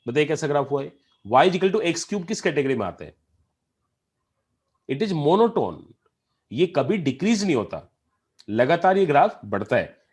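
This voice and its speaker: Guy teaching math, slightly high voice that jumps around a lot, keeps asking the class stuff. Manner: explains step by step, asking students questions; mixes in English math terms. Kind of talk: classroom lecture on calculus.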